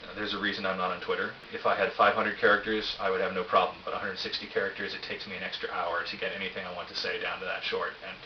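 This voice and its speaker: A middle-aged man gives a casual vlog recap, rambling in a hesitant, wry and self-deprecating manner with a low-pitched, flat voice, a quick pace and few pauses. He sits some distance from a cheap camera whose dull mic picks up hiss and a roomy echo.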